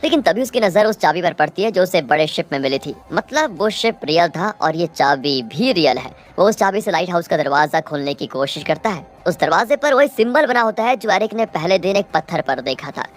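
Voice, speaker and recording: A woman's voice: on the low side, expressive, brisk, hardly any pauses, soft background music. A woman narrating a horror movie's plot dramatically, addressing viewers as friends.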